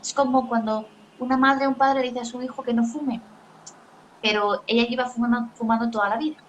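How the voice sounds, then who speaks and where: Didactic woman, slightly high voice. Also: steady tone, fairly quick, a little hiss or hum. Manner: didactic, uses examples and acted quotes. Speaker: parenting author and educator. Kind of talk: explanatory talk in a live video chat. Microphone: video call.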